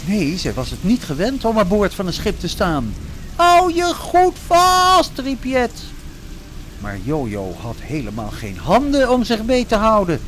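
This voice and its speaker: A man narrating a children's story in a slow, expressive storytelling way. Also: sits high, slight background noise.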